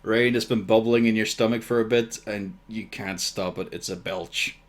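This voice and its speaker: A man's voice: on the low side, steady tone, normal speed. A man running a live tabletop role-playing game, narrating scenes playfully and laughing often. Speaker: game master.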